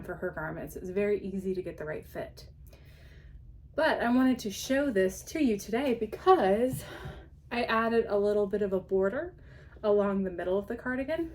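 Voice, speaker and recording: A podcast host with a mid-range, slightly mellow voice chats casually through a show-and-tell segment. She rambles, says um often, laughs lightly, and sounds a bit out of breath.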